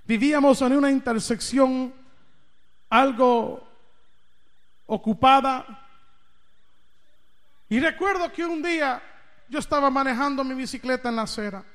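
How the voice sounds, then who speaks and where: A man preaching, telling a dramatic personal story with big swings in loudness and pitch. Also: measured pace, long pauses. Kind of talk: storytelling sermon. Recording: reverberant hall.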